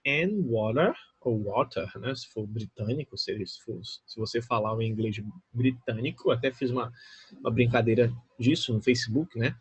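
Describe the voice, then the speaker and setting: Husky Brazilian man teaching English. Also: medium pitch, moderate pace, no room sound. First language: Portuguese. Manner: explains patiently, often checks with "né?" and "tá?". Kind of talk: recorded online English lesson.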